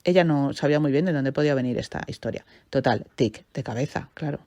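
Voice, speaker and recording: A woman hosting a podcast, telling a client's story in an animated way, asking rhetorical questions. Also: a bass voice, fast, dry recording. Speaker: podcast host and therapist. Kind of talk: storytelling monologue.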